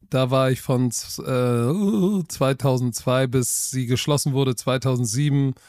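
A middle-aged German man, a football coach and TV expert, telling his story as a guest in a relaxed, self-deprecating way. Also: mid-range voice, smooth, dry recording, studio quality. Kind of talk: casual interview talk.

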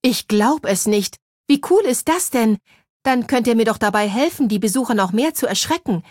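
A woman voices a curious, eager young girl in a storybook, using a mid-range, expressive voice close to her everyday one. She keeps a moderate pace, and the studio sound is clean with no echo.

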